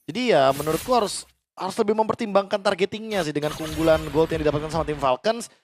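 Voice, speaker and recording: Male esports analyst, quick and fairly high voice, informal explanatory commentary over faint music. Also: a little hiss or hum. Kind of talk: casual analytical match commentary.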